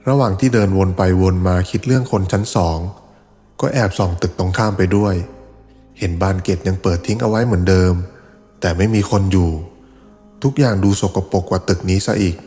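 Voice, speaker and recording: Low-voiced man narrating a ghost story. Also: mellow. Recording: reverberant with faint background music.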